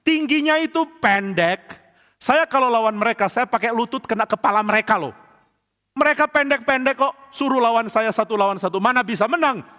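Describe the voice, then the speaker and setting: A man voicing a boastful giant male warrior who talks loudly and laughs a deep giant laugh. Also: fairly quick, big-room sound. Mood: mocking.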